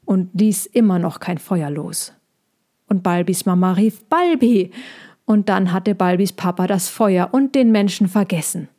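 A woman reading a children's story aloud with lively storybook narration. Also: mid-range voice.

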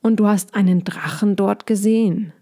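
A woman reading a children's story aloud, voicing a small, earnest young male dragon in a soft, breathless voice close to her own. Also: medium pitch, steady tone, normal speed, natural voice.

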